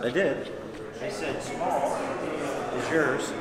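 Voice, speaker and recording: A man's voice: on the high side, takes it slowly, a loud crowd. A man in his forties hosting a casual vlog, upbeat and chatty with a teasing edge, filmed on a camera mic outdoors at a racetrack. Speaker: vlog host. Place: outdoors at a racetrack and indoors in a training building. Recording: noisy outdoor camera audio.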